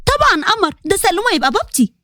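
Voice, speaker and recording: Woman doing a cute egyptian teen girl, even higher than usual, fast, coaxing, affectionate. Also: no echo, studio quality, full character voice. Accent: Egyptian Arabic. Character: sweet teenage girl, affectionate daughter.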